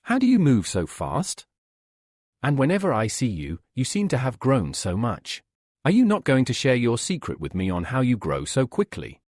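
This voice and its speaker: A man's voice: medium pitch, huge pitch swings, moderate pace, darkish tone, no echo, studio quality. A man voicing an eager young male hunter student who talks in a curious, admiring way.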